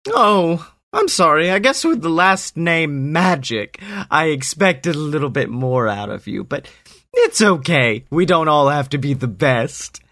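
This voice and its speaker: A man's voice: extremely high pitch, wildly swooping pitch, normal speed, bright, forceful tone, voice pushed up, full character voice. A man voicing a smug teenage boy wizard who taunts his rival in a mocking, sing-song way. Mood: taunting.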